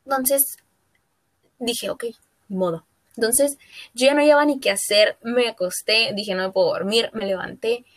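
A woman's voice: on the high side, a little slow, pauses often, no echo. A Mexican woman co-hosting a podcast, telling a personal story in a rambling, filler-heavy way. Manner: rambling, full of fillers and self-corrections. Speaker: podcast co-host. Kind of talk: casual podcast chat.

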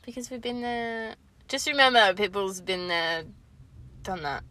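A woman's voice: mid-range voice, measured pace, bright, forceful tone, no echo. A woman co-hosting a casual advice chat, talking informally with slang and swearing. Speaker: podcast co-host.

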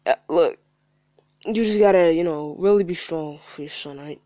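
A man's voice: fairly high pitch, moderate pace, dark tone, no echo, muffled recording. A man hosting a casual interview, hesitant and encouraging, often stammering as he starts a sentence. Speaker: podcast host.

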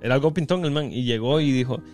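A young man rambles through podcast stories, stopping to correct himself mid-sentence. His pitch sits mid-range for a man. Faint music plays underneath. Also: quick pace, darkish tone. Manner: rambling, self-correcting storyteller. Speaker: podcast co-host. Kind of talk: casual chat.

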